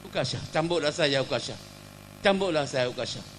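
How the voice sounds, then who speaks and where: A man voicing a calm, gentle male prophet who speaks softly and low. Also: fairly quick, slight background noise, close to an everyday voice.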